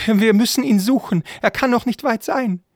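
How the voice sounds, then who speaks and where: A man voicing a frightened young male fairy servant who pleads in a high, frantic voice. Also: normal speed, no echo, studio quality. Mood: pleading.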